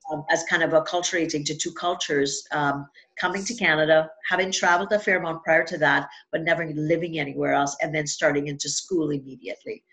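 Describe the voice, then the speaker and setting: A woman hosts a relaxed interview. She talks chattily, with plenty of fillers and restarts. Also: low voice, brisk, hardly any pauses. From Trinidad and Tobago. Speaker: podcast host. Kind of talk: casual interview chat.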